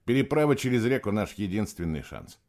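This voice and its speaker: A man playing a cunning young male prisoner. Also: quick pace. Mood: quiet, serious. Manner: steady, low-voiced, then urgent commands. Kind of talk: audiobook character voice.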